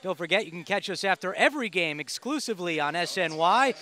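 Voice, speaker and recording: Bright polished male sports host. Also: high-pitched, lively intonation, quick pace. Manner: polished broadcast delivery. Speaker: studio host. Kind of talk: post-game show hosting. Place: courtside desk in an arena. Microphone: headset.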